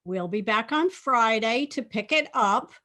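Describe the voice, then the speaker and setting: A woman playing an indignant, sharp-tongued sister. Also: a little high, expressive, a little slow. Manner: indignant, cutting. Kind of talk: script reading.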